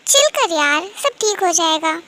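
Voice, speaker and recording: A woman's voice: very high-pitched, very animated, unhurried, bright, forceful tone, slight background noise, pitched below the performer's own voice, heavily acted. A woman voicing an easygoing young best friend who talks casually and reassures in a fan-dub audio drama. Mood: reassuring.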